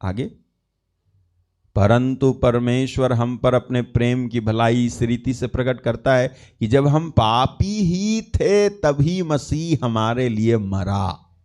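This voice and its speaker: A man's voice: mid-range voice, expressive, takes it slowly, darkish tone. A man preaching a sermon, reading scripture and then explaining it. He repeats key phrases for emphasis and speaks to his listeners as brother and sister.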